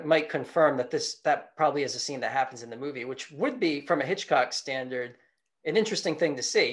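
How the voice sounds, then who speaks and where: A man co-hosting a podcast, talking about old films in a thoughtful, wandering way. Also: mid-range voice. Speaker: podcast co-host. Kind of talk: casual film discussion.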